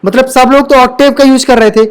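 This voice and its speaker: A woman's voice: high-pitched, fairly even intonation, fast. Woman tutor going over poetry terms, keeps asking "theek hai?", trips and corrects herself a lot. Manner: corrects own slips mid-sentence. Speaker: English literature teacher. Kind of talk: exam-prep lecture mixing Hindi and English terms.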